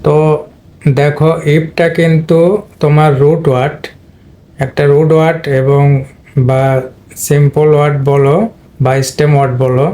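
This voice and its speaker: Here a man from Bangladesh gives a Bengali lesson on English spelling and pronunciation, guiding his students step by step as he speaks to them directly. His mellow voice is a bit high and level, paced normally with frequent pauses.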